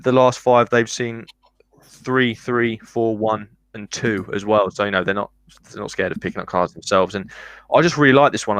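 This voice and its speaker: A man's voice: on the low side, a bit bright, clean tone, no echo. A man giving betting analysis on a live stream, methodical, full of ums and statistics. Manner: methodical, lots of ums, reels off stats. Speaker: guest analyst.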